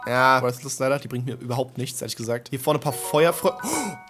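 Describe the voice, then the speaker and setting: A young man streaming a video game, commentating his play in an excitable, slangy way and talking to himself. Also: mid-range voice, brisk. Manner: excitable, slangy, talks to himself while playing. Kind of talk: live gameplay commentary. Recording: game music behind the voice.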